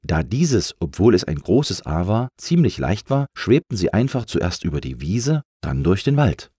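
Brief: male storybook narrator, dry close sound, animated delivery. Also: sits low, a little slow, slightly rough, dry recording. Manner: expressive storytelling. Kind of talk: children's story reading.

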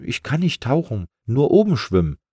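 A man's voice: medium pitch, sing-song, moderate pace, warm tone, husky, no echo, studio quality, pitched above the performer's own voice. A man voicing a small, curious balloon boy in a children's storybook, with a childlike, eager manner.

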